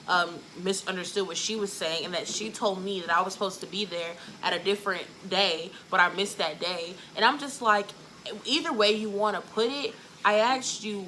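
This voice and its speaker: A woman's voice: mid-range voice, pushed and bright, slight background noise. A young woman telling a casual storytime about her past job, chatty and full of "like," often acting out what people said. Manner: chatty, full of "like" fillers, quotes people vividly. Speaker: vlogger.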